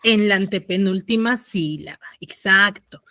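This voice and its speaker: A woman with a mid-range, sharp-toned voice speaks at a measured pace while teaching online. Her Peruvian Spanish accent comes through a computer mic on a video call as she takes students step by step through questions.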